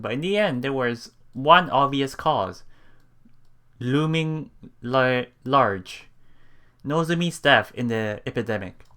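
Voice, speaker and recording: Over game music, a streamer in a let's play reads a visual novel aloud in a mid-range, fairly bright voice. Stumbles lead to reread lines, and murmured asides come between passages.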